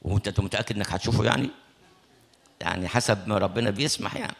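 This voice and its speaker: A middle-aged man with an Egyptian Arabic accent, a priest telling a story in a sermon, animated and acting out the people he quotes. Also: on the low side, very fast, creaky.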